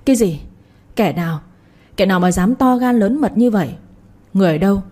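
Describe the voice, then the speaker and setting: A woman's voice: medium pitch, lively intonation, brisk, natural voice. A woman voicing a commanding male village lord who barks orders. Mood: furious. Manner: barking orders, shouting.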